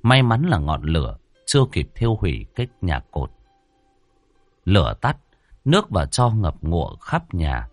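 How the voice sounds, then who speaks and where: Expressive low-voiced male storyteller. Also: measured pace, no echo, soft background music. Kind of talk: ghost story narration.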